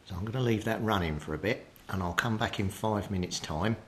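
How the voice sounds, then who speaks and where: A British hobbyist presenting a radio repair video talks through his work casually, thinking aloud and hesitating at times. His voice is lowish and fairly quick, and the recording is clearly noisy with clicks.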